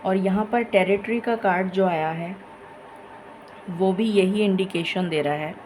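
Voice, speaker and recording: A woman giving a tarot reading in a slow, effortful way, tired and with a dry throat. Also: mid-range voice, a little mellow, a little hiss or hum, low-quality recording. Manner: slow, tired, effortful Hindi-English mix with many pauses. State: low energy, dry throat. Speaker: tarot reader. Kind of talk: casual tarot reading to camera.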